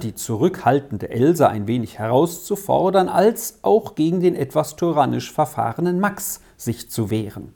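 Expressive storybook narrator, lilting. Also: medium pitch. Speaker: audiobook reader.

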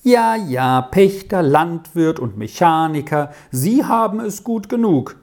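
A reader voicing an excitable village woman who talks in an agitated, pushy way. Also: mid-range voice, takes it slowly, voice pushed up.

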